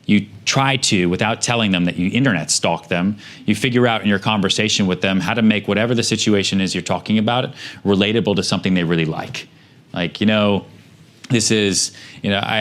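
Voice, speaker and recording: Lower-pitched man giving loose, chatty advice. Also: fairly bright tone. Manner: loose, conversational, acts out quoted exchanges. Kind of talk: casual advice talk.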